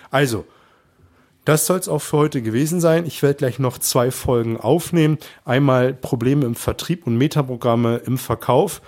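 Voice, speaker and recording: A man's voice: mid-range voice, a little mellow. A man in his thirties with a stuffy nose from a cold, hosting a motivational sales podcast and encouraging the listener directly. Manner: earnest, encouraging, direct address. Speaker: podcast host, sales coach.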